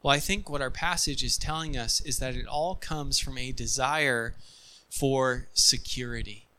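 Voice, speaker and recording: A man preaching a sermon as pastor, earnest and emphatic, leaning on repetition, and closing in soft, quiet prayer. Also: medium pitch, fairly even intonation, a little slow, poor audio.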